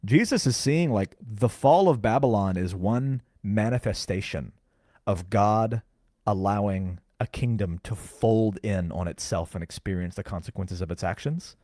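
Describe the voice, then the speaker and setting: A man co-hosting a podcast, carefully explaining scripture in casual chat and slowing down to stress key words. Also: on the low side, a little mellow, no room sound, studio quality. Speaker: podcast co-host. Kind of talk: casual Bible teaching chat.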